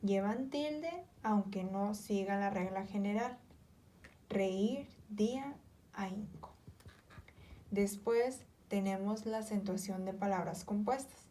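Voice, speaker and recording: A woman slowly reading out spelling and accent rules, listing example words one by one in a careful, measured way. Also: medium pitch, mellow, a little hiss or hum.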